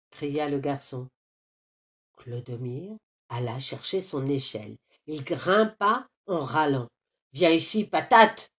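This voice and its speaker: A woman reading a children's story aloud slowly and clearly, pausing to explain difficult words. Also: mid-range voice. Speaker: narrator.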